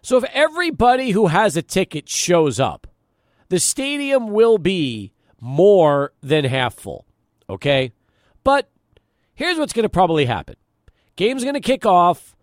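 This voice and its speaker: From a radio studio, this middle-aged sports talk host converses with callers, drawing them out and driving his points home with emphasis. He has a high voice with huge pitch swings and a measured pace, recorded cleanly with no room sound.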